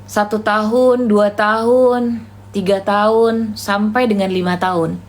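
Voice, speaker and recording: A woman's voice: mid-range voice, fairly even intonation, takes it slowly. Chatty woman preacher telling a story. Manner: calls the listener "Kak", retells conversations with "gitu". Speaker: Islamic preacher answering questions. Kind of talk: casual religious advice and storytelling. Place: live online room.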